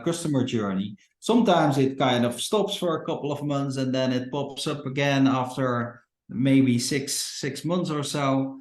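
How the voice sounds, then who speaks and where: A man's voice: medium pitch, darkish tone, echoey room. A man from the Netherlands with a Dutch accent, a company founder talking in a casual podcast interview, hesitant with many fillers and restarts. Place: Portugal.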